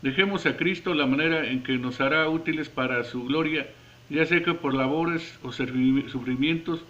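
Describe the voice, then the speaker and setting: A man earnestly reading a devotional Bible commentary at a measured pace, with occasional stumbles, closing in prayer. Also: medium pitch, fairly bright tone, dull audio. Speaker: devotional preacher.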